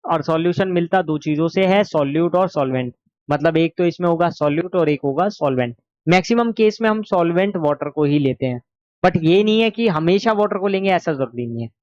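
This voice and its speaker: A man's voice: a little high, brisk, a little mellow, no room sound, lo-fi sound. Sore-throated man teaching a lesson. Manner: explains patiently, asks and answers his own questions. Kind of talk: exam revision lesson.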